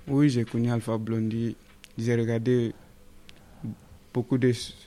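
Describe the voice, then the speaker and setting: A sixteen-year-old young man from Guinea whose first language is Fula, answering radio interview questions in a halting way, searching for words and repeating himself. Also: medium pitch, level tone, dark tone. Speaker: student guest.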